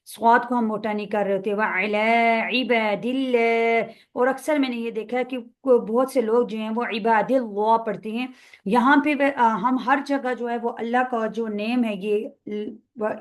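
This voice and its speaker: A woman with a Pakistani Urdu accent giving a recitation lesson, explaining and then reciting passages slowly and drawn out. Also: on the high side. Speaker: teacher of prayer recitation.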